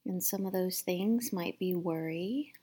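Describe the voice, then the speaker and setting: A woman leading a guided meditation in a soft, soothing, unhurried manner, with long pauses between instructions. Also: on the low side, slightly rough. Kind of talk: guided meditation, instructing listeners to relax and breathe.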